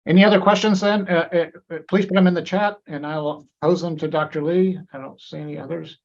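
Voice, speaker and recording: A man moderates the Q&A of a medical grand rounds webinar, fielding questions for the speaker in a slightly high, steady voice with vocal fry, talking a little fast. He's hesitant, halting often with fillers and restarting sentences, and the audio sounds dull and muffled, like a video call.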